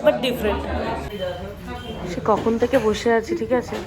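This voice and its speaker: A young woman chatting casually as a vlogger, excitable and talkative. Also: a little high, normal speed, over a noisy crowd. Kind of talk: casual vlog narration. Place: family home and outings.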